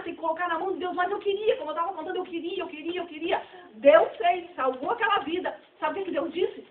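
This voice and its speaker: A Brazilian woman with a Brazilian Portuguese accent, preaching a fervent, emphatic sermon to a church fellowship. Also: extremely high pitch. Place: church hall. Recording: tinny, distant, echoey church recording.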